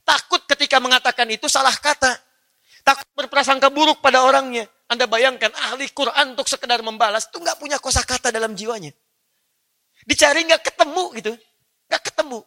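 Bright-voiced man giving a religious lecture. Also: extremely high pitch, fairly even intonation, fairly quick, vocal fry. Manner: addresses listeners directly with rhetorical questions. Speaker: Islamic preacher.

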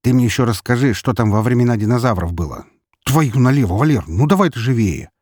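Man doing a gruff cynical investigator. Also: lowish voice, expressive, moderate pace, a little mellow, dry recording, studio quality. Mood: irritable. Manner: irritable, sarcastic, grumbling. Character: weary cynical male senior investigator, irritable and gruff.

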